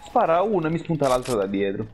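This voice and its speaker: A man's voice: fairly high pitch, big pitch swings, fast, a little mellow. A man in casual gaming chat with his friends. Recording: noisy voice chat with clicks.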